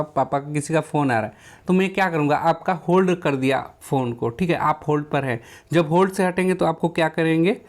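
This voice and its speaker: A man teaching an exam question lesson, reading each English question out slowly and then explaining it in plain Hindi. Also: fairly high pitch.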